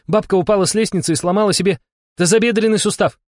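A man voicing an excitable, crude-tongued young woman shaman who shouts and swears. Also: high-pitched, fast talker, no echo, clean studio sound, pitched above the performer's own voice, natural voice. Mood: excited shouting.

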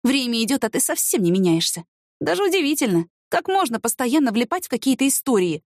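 A woman voicing a brisk, sarcastic woman friend who works in the courts and lectures her friend, in a storybook reading. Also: on the high side, sing-song, dry recording, studio quality, pitched above the performer's own voice. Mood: scolding.

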